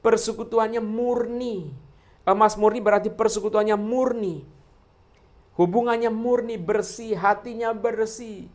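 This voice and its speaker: A man's voice: high-pitched, fairly even intonation, a little slow. A man preaching a sermon to his congregation. He keeps turning to the listeners with direct address and poses question after question, then answers them himself. Key words come back again and again, hammered home. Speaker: pastor.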